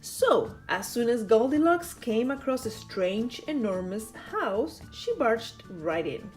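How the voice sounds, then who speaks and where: A woman's voice: a little high, sing-song, takes it slowly, faint music behind. A woman reading a children's picture book aloud in a playful way, with teasing asides to the listener. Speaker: storyteller.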